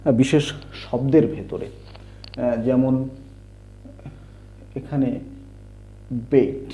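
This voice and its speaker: A man teaching English letter sounds, spelling words out and repeating the sounds slowly. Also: medium pitch, fairly even intonation. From India. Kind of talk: slow explanatory lesson. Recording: dull lo-fi home recording.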